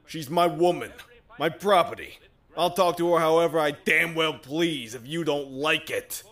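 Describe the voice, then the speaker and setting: An actor playing a crude, menacing mobster who mocks and threatens, in an audio drama. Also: male voice, on the high side, normal speed, fairly bright tone. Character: crude, menacing male mobster, a made man. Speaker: gangster.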